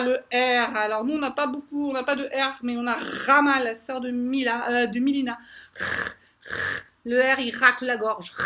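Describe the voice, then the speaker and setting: A woman preschool teacher explaining letter sounds to parents, animated and repeating each sound slowly several times. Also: high-pitched.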